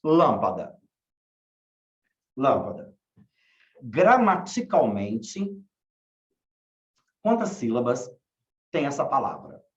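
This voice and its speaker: A man teaching a class, asking questions slowly and repeating key words. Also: medium pitch, very animated. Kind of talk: online class lecture. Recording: echoey room, dull lo-fi sound.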